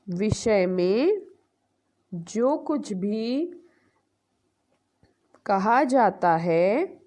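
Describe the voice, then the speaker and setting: Woman teacher from india, talks real slow, explains step by step n quizzes the kids. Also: mid-range voice, dark tone. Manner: slow, explaining step by step, asks the class questions and answers them. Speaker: school teacher. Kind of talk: online grammar lesson.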